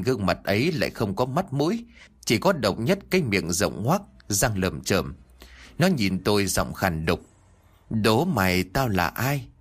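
Man telling a ghost story. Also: on the low side. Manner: animated, dramatic storytelling. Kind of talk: first-person ghost story narration.

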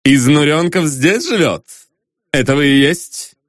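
A man's voice: sits high, huge pitch swings, a little slow, no echo, clean studio sound, pitched above the performer's own voice, exaggerated voice. A man reading aloud, voicing a stern, brash male con man who speaks in curt commands.

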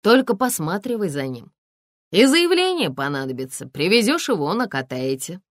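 A woman's voice: mid-range voice, very animated, normal speed, no echo, clean studio sound, voice pushed up, close to an everyday voice. A woman voicing a jovial, sly male police lieutenant colonel who mocks people in folksy banter. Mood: jovial mocking.

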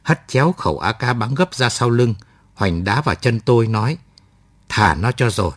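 A man reading a first-person war story aloud as an audiobook narrator, in a calm, reflective way, in a dry, close recording. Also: mid-range voice, normal speed, no room sound.

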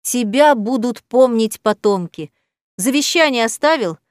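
Ironic, teasing young heroine, voiced by the woman reader, slightly high voice, dry close audiobook. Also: expressive, unhurried, clear, resonant tone, no room sound. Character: playful ironic young woman teasing her cat friend. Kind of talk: audiobook character voice.

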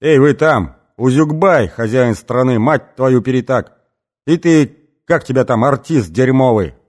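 A man voicing a brutal, drunken male gang boss in an audiobook, shouting and snarling threats. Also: medium pitch, animated, normal speed, close to an everyday voice. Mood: yelling orders. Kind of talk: audiobook character voice.

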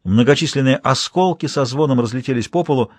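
A man narrating a dramatic audiobook in an expressive, storytelling way. His mid-pitched voice has a husky grain. The recording is dry and close, with no room sound. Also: fairly quick, no room sound.

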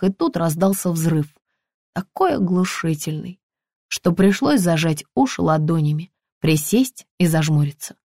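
Low-voiced woman narrating an audiobook. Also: dark tone, no echo, studio quality. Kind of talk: first-person detective novel narration.

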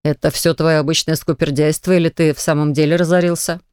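A woman reading aloud voices a hot-tempered, exasperated father in a lowered voice, lecturing and blustering. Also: little pitch movement, fast talker, a little mellow, smooth, no echo, clean studio sound, close to an everyday voice. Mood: angry.

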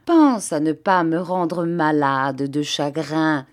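A woman reading an audiobook who voices a cruel man who beats children, speaking in a soft, mocking, menacing tone. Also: low voice, slow pace. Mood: mock-tender menace.

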